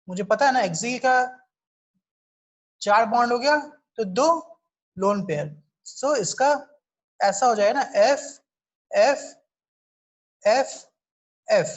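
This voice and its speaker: A woman teaching a chemistry class, explaining step by step and checking in with her students often. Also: mid-range voice. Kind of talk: online class lecture, mixing Hindi and English.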